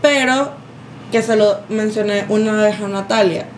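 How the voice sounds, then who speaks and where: A woman's voice: medium pitch, a little slow, a little hiss or hum. A woman co-hosting a casual podcast, talking candidly and at length. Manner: candid, talkative. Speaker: podcast co-host. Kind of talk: casual chat.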